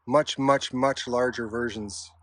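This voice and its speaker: A man with a slightly husky voice gives casual, unhurried, offhand narration to his camera while walking a trail outdoors. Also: medium pitch, steady tone, fairly bright tone, a little hiss or hum. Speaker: hiking vlogger. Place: outdoors on a park trail with a stream nearby.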